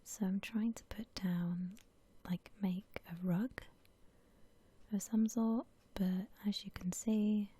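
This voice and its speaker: A female video game streamer whispers ASMR-style while narrating her building session. Her mid-range voice is very breathy, almost unvoiced, soft and mellow, and she speaks slowly in a relaxed, gentle way.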